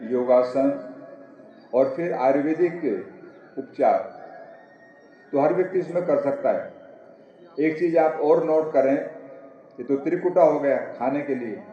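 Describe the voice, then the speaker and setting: A man leading a yoga and ayurveda session, speaking in a mellow, slightly high voice and giving instructions directly to the crowd. The sound is roomy and a bit dull, with faint ambience behind him. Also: slight background noise. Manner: instructive, addresses audience directly. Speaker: yoga teacher. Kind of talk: yoga and ayurveda class talk. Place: outdoor university yoga event.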